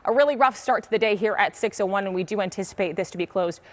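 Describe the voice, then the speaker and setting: A woman's voice: mid-range voice, quick pace. An American woman giving a live television traffic report as the station's traffic reporter. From Arizona, US.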